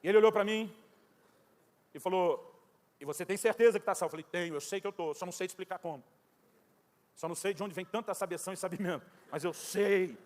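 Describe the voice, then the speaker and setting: A Brazilian pastor preaching a sermon, telling a story and acting out both sides of the dialogue. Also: male voice, high voice, fast, pauses often, a little mellow, long reverb tail. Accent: Brazilian Portuguese.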